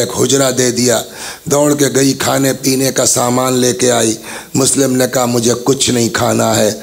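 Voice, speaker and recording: A man delivering a dramatic mourning sermon, telling the story with acted voices and slipping into chant. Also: mid-range voice. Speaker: religious scholar giving a majlis. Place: mourning gathering hall.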